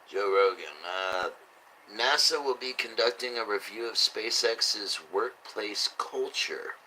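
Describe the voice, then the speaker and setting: A man who sounds drunk reads out news headlines and reacts with rambling, casual, blunt, sweary commentary. His voice is low with a sharp tone, and the low-quality recording carries a bit of hiss or hum.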